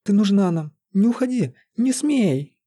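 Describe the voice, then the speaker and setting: An earnest young sorcerer-warrior pleads and urges in a raised voice, as a man narrating a fantasy story plays him. The tone is mellow and a little husky. The pitch is lifted above the reader's own. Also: lively intonation, normal speed. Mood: pleading. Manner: urgent, pleading.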